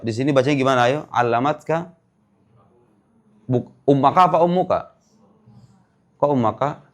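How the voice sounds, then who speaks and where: Man teaching grammar to a class. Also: medium pitch. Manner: drills students with quick questions, recites examples slowly. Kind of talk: classroom lesson.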